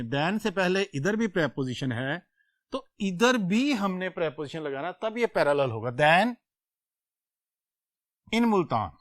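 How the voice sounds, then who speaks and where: A man's voice: high voice, fairly bright tone, no room sound. A man teaching a test-prep English lesson, working through exam questions step by step and quizzing his students. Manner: explains grammar step by step, asks students questions.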